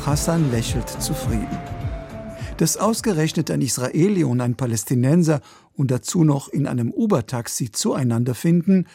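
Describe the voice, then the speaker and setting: A man narrating a scripted radio news report in a measured, even delivery. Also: on the high side, vocal fry, soft background music.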